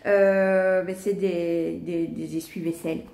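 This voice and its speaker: A woman's voice: on the low side, level tone, takes it slowly, mellow. A young woman with a Belgian French accent chatting casually through a product unboxing, full of hesitations and little apologies. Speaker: vlogger. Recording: echoey room, faint noise.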